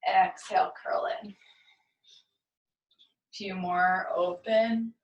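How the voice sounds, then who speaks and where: A woman movement teacher guiding a class through gentle stretches with calm, step-by-step cues. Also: medium pitch, extremely slow, highs cut off. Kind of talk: guided movement class instruction. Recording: echoey room, far from the mic.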